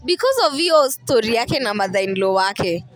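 A woman's voice: on the high side, very animated, moderate pace, soft background music. A woman in her twenties with a Kenyan accent, talking into a handheld mic in an insistent, defiant way during an outdoor interview. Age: 20s. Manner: defiant, insistent, repeats herself. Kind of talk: emotional street interview.

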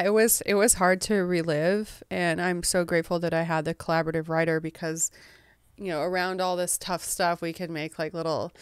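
A soft-spoken woman in her thirties, English-born but with an American accent, appears as a guest author in a relaxed interview, laughing often and letting her sentences trail off. Her voice is fairly low and smooth, recorded cleanly in a studio with no echo.

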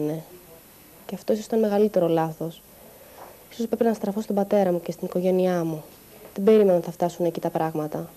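A woman giving a halting, distressed personal testimony about harassment. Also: medium pitch, dark tone. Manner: halting, distressed, with pauses and restarts. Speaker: interviewee recounting harassment.

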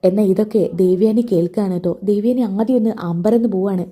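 A woman's voice: mid-range voice, fairly even intonation, brisk, dark tone, husky. A woman chatting her way through a casual retelling of a TV serial episode. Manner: chatty, conversational. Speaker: serial recap narrator. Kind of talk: casual story recap narration.

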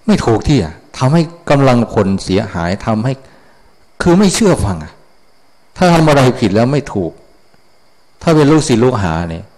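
A Buddhist monk giving a casual dharma talk, blunt and folksy, often drifting off the point. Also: male voice, on the low side, a little mellow.

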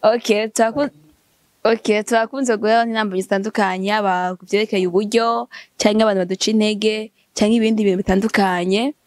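A young woman from Burundi hosting a casual music interview, playful and quick to laugh. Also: mid-range voice, no echo. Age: young adult. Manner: lively, laughs often, playful asides. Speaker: interviewer, show host.

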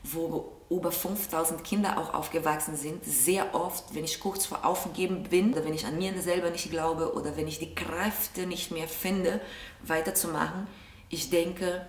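A young Brazilian woman with a Brazilian Portuguese accent sits on her living room sofa, thoughtfully answering viewer questions as a vlog host and gesturing a lot with her hands. Her voice is deep, with fairly even intonation and a moderate pace. The camera mic sits a short way off, so the sound is roomy and distant, with a little hiss or hum.

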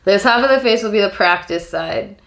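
A woman's voice: medium pitch, brisk, creaky, a bit bright. A giggly, drunk woman in her twenties rambling casually to camera while doing her makeup. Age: 20s. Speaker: makeup vlogger. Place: small home kitchen, indoors. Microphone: camera a step or two away. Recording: echoey room, camera mic.

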